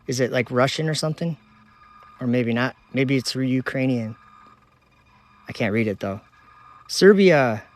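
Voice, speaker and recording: A man from Minnesota hosting a casual outdoor livestream at night, chattily reading viewer comments and locations aloud while he runs a telescope. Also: medium pitch. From Minnesota, United States. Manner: relaxed, reads viewer locations aloud in a chatty running list. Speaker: livestream host.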